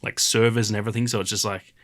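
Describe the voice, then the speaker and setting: Male podcast co-host, lowish bright tone, loose rambling chat. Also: racing. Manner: rambling, filler-heavy, animated retelling. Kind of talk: casual chat.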